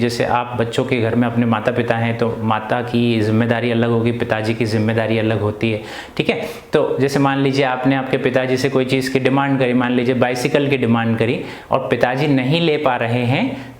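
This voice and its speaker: A male teacher explaining an English poem to schoolchildren in Hindi, reading the lines slowly and asking the class questions. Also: medium pitch, echoey room. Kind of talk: classroom poetry lesson.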